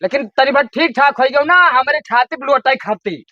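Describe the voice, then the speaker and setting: A man's voice: very high voice, moderate pace, no echo, highs cut off. A man playing a cantankerous, stubborn old village father in an amateur comedy sketch, scolding bluntly in an Awadhi accent. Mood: grumbling, sarcastic. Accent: Awadhi, eastern Uttar Pradesh.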